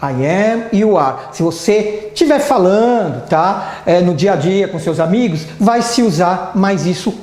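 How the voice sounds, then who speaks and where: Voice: medium pitch, expressive, unhurried, few pauses, a little mellow. A Brazilian teacher giving a live online English lesson who keeps checking in with the class. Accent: Brazilian Portuguese. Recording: roomy echo.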